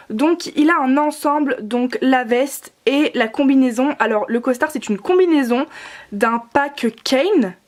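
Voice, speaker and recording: Chatty young woman with a high voice. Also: a little mellow. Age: young adult. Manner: chatty, rambling, many fillers and self-corrections. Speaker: doll collector vlogger. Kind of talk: casual show-and-tell narration.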